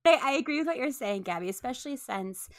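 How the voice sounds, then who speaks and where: A woman's voice: high voice, expressive, quick pace, dry recording, clean studio sound. American woman co-hosting, closely and dryly recorded. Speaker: podcast co-host. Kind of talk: casual podcast chat.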